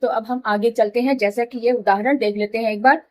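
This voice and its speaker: A woman's voice: fairly high pitch, fairly even intonation, a little fast, darkish tone. A woman teaching Hindi grammar, explaining each rule step by step, repeating examples and checking that students follow. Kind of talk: classroom explanation.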